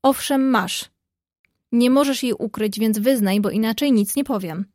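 A woman's voice: fairly high pitch, unhurried, a little mellow, no room sound, lightly acted. A woman voicing a playful, teasing young man in a read-aloud story, speaking lightly to a close friend.

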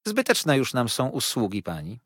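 A man's voice: medium pitch, wildly swooping pitch, moderate pace, a bit bright, no room sound. A man reading an audiobook voices a stern, brusque older aunt who speaks in a dry, commanding way.

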